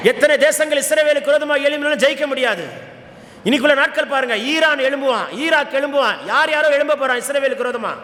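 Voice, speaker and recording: This Tamil Pentecostal sermon comes from a man with a Tamil Nadu accent who exhorts his congregation and calls on them to echo his words. He speaks in a very high, bright, forceful voice, with a little hiss or hum and long reverb from the large, echoey church hall.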